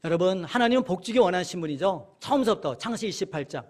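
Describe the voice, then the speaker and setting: High-voiced man teaching a Bible lesson. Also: lively intonation. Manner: addresses listeners often, asks and answers questions; reads scripture slowly and louder. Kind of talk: Bible study sermon.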